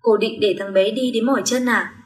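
A woman's voice: medium pitch, fairly even intonation, brisk, lightly acted. A woman voicing a cold, proud rich young man who is a company chairman, speaking curtly. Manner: curt and commanding. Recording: roomy echo.

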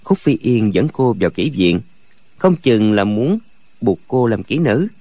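Animated male audiobook narrator. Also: medium pitch, a little slow, no room sound. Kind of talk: storytelling narration.

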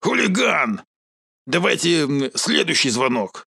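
A man voicing a pompous, hoarse army general on live TV who is losing his composure. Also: a little high, big pitch swings, a little slow, sharp tone, no room sound, clean studio sound, full character voice. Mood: flustered. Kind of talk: audiobook character voice.

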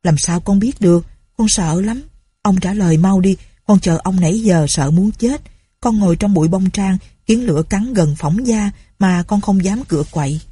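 A woman voicing a frightened young servant girl who speaks in a hushed, pleading way. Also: mid-range voice, moderate pace, breathy edge, dry recording, natural voice.

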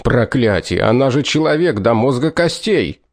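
A man's voice: medium pitch, big pitch swings, moderate pace, no room sound. A man playing an indignant male pilot who speaks with scorn in an audiobook. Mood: bitter. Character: distraught older-seeming pilot, man, indignant.

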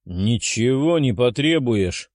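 A man voicing a calm, protective young man in an audiobook, in a plain, level tone. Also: medium pitch, slow pace, no room sound, clean studio sound. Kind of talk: audiobook character voice.

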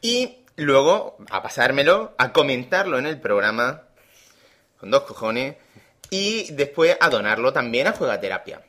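A man with an accent from Spain talks on a casual podcast with a bright, forceful tone. He tells stories in an animated way and speaks bluntly. His pitch is ordinary for a man. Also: a little slow. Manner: animated storyteller, blunt and frank. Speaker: podcast co-host.

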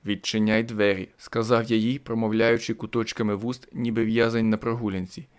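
A man's voice: mid-range voice, little pitch movement, brisk, clear, resonant tone. A man narrating a first-person thriller audiobook with dramatic tension.

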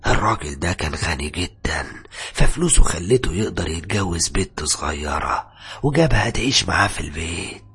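A man voicing an old male neighborhood grocer with an Egyptian accent, telling a story slowly and knowingly. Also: low-pitched, animated, a bit bright, husky, heavily acted. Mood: ominous. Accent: Egyptian Arabic. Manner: slow, drawn-out storytelling.

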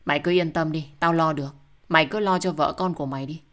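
A woman's voice: low voice, fairly even intonation, fast, fairly bright tone. A woman voicing a joking male best friend who teases and exclaims in surprise. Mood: alarmed.

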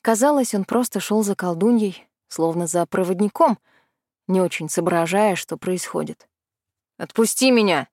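A woman narrating an audiobook in the first person, soft and measured. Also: on the low side, dry recording, clean studio sound.

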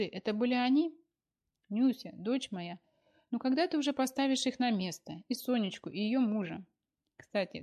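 A woman's voice: on the high side, a little mellow, voice pushed up, natural voice. A woman voicing a fussy, talkative older mother who pours out anxious questions, in an audiobook. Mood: gossipy. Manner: breathless stream of anxious questions. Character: fussy chattering older mother, clucking and doting. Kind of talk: audiobook character voice.

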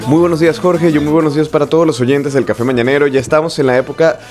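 A man's voice: fairly high pitch, fairly even intonation, quick pace, a little mellow. A man giving an informative report as a contributor on a radio show. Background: music bed.

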